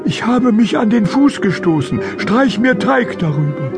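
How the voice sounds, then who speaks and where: A man's voice: high voice, big pitch swings, measured pace, loud music behind the voice, voice pushed up, full character voice. A man voicing a cunning wolf in a fairy-tale audiobook, coaxing in a falsely sweet voice and turning menacing. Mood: demanding. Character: cunning big bad wolf faking a sweet mother's voice.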